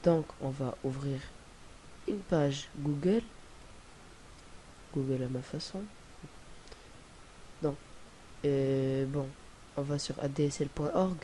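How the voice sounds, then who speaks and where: A man with a cold presents a casual screen-recording tutorial in a mellow, mid-range voice. He talks slowly with long pauses, rambling and hesitant, full of fillers and restarts. The low-quality home recording carries a faint hiss.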